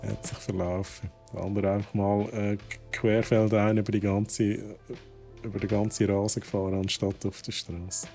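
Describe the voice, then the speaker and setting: A man's voice: lowish voice, completely flat delivery, moderate pace, mellow, soft background music. A man with a Swiss German accent streaming a video game, thinking aloud as he plays and dropping English exclamations. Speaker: gaming streamer. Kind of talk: casual let's-play commentary.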